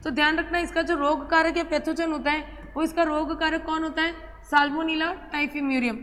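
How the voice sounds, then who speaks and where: A woman's voice: high voice, flat delivery, a little fast, fairly bright tone. A woman teaching a biology class, who repeats key terms, quizzes her students and fondly calls them child. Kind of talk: classroom lecture at a board. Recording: hall reverb with faint ambient noise.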